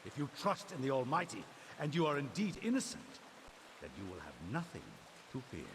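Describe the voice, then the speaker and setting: An actor playing a stern, suspicious church inquisitor in a video game, pompous and commanding, with archaic phrasing. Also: male voice, medium pitch, wildly swooping pitch, brisk, a little hiss or hum. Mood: threatening.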